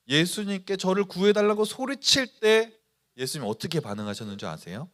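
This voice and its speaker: A male pastor delivers a youth sermon in an animated storytelling manner. His voice sits a bit high for a man, and he slips into acted-out voices of the people in his stories.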